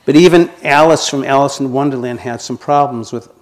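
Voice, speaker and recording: A man's voice: mid-range voice, fairly quick. A joking older man giving a dharma talk. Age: 60s. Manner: gently humorous, self-deprecating. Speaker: meditation teacher.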